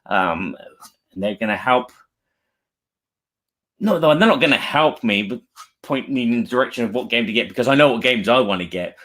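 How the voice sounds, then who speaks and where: A man's voice: mid-range voice, lively intonation, normal speed, pauses often, fairly bright tone. A native English-speaking man hosting a casual live stream, chatting to viewers as he introduces the show.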